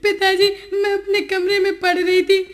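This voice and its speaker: A woman's voice: extremely high pitch, completely flat delivery, moderate pace. A young woman playing a cruel, scheming sister-in-law who snarls threats in a rural film. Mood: fake tearful. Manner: snarling threats, fake tearful whining. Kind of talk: rural Hindi film acting.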